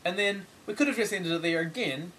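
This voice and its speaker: A man's voice: high voice, slight background noise. Exasperated teenage guy telling a comic rant. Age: teens. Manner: animated, exasperated, quick to swear, acts out other people's lines. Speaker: vlogger. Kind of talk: comic storytelling vlog.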